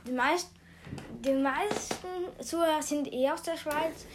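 Teen girl, high voice, giggly podcast co-host, audible background noise. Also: measured pace. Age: teens. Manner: giggly, chatty. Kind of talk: casual chat.

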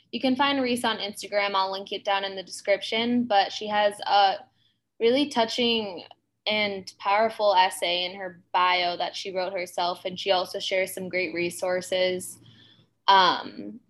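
A woman hosting a casual interview, asking friendly, encouraging questions. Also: mid-range voice. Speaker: host.

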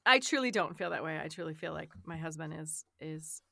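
A woman's voice: low voice, animated, a little fast, creaky, pushed and bright, dry recording, clean studio sound. Chatty woman reading trivia aloud. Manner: chatty, laughs often, reads aloud then riffs. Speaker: podcast co-host. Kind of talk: casual chat, reading trivia.

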